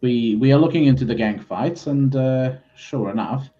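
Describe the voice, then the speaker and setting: A man improvising as a player in a tabletop game, speaking politely and haltingly. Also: medium pitch, warm tone, dull audio. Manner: hesitant, halting, polite phrasing. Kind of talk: improvised in-character game talk.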